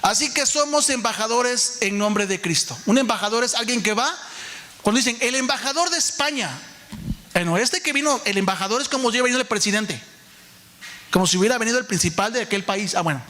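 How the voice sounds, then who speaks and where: A man's voice: very high-pitched, quick pace. A pastor in his forties preaching a sermon, asking many rhetorical questions and calling out to his listeners as brothers and sisters. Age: 40s. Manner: animated preaching, many rhetorical questions, calls the audience "hermano".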